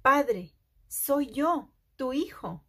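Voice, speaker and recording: A woman voicing an earnest young boy in a children's storybook, speaking in slow, simple phrases. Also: sits high, expressive, a bit bright, husky, heavily acted. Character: earnest young boy searching for his father. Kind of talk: storybook read-aloud.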